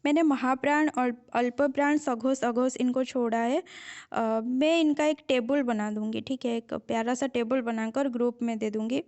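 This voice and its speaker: A woman with a high, light voice runs through exam grammar points one by one. She explains patiently, repeating each answer and checking in with her students as she goes. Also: steady tone, moderate pace, darkish tone. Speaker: Hindi grammar teacher. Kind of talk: exam-prep grammar lesson.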